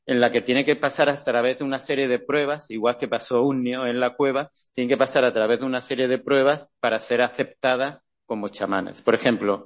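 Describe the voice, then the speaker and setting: A man lectures a class from his slides at an ordinary mid pitch, restarting his sentences and checking in with listeners as he goes. His speech is halting and full of repairs. The recording is slightly dull and lo-fi.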